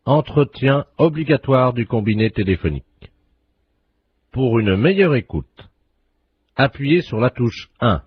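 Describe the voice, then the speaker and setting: A man's voice: mid-range voice, big pitch swings, unhurried, long pauses, slightly rough, dull audio, full character voice. A man playing a phone company's automated operator, reading absurd menu options in a stiff recorded-menu delivery. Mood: deadpan.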